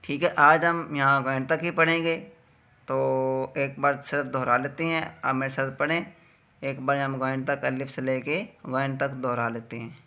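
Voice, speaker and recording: A man's voice: medium pitch, little pitch movement, normal speed, sharp tone, clear, resonant tone. A man from Pakistan with a Pakistani Urdu accent, teaching Quran letter reading in a patient step-by-step lesson and drawing out each letter sound. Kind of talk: slow step-by-step recitation lesson.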